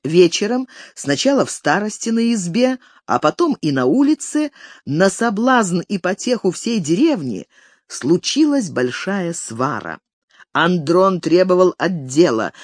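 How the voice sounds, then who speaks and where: A narrator reading a classic literary story aloud in an expressive audiobook style. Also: medium pitch, dry recording, clean studio sound. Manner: expressive, varied intonation.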